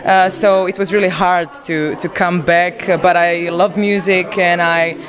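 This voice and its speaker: A woman answers interview questions slowly and hesitantly, pausing often. Crowd chatter is clearly audible around her. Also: fairly low pitch, fairly even intonation. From Bosnia and Herzegovina. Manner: hesitant, with many uh fillers. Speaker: singer being interviewed. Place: small indoor event room.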